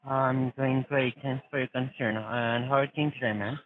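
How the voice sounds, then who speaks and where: A man's voice: medium pitch, steady tone, normal speed. A man in call-center phone talk, formally polite and lecturing. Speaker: phone scammer posing as senior investigator. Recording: tinny phone line, crowd chatter behind.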